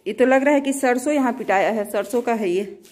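A middle-aged vlogger and mother from Bihar, India, talks briskly in a slightly mellow voice on the high side, with a Bihari Hindi accent. It's an informal walking vlog around an old village school, where she guides her son. She records on a phone at arm's length.

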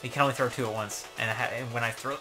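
A man's voice: medium pitch, steady tone, very fast. A man giving casual, joking, sweary commentary while he plays and hosts a let's play. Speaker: let's play host and player. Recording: loud game music behind.

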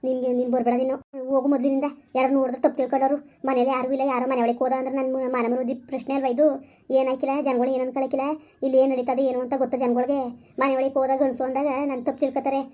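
A woman playing a frightened married village woman in a family skit, pleading desperately and talking fast. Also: high voice, monotone, mellow, muffled recording, close to an everyday voice.

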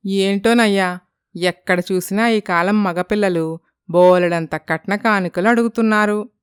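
A woman's voice: medium pitch, measured pace, smooth, no echo, lightly acted. A woman voicing an anxious poor village mother who talks in a fretful, chatty way.

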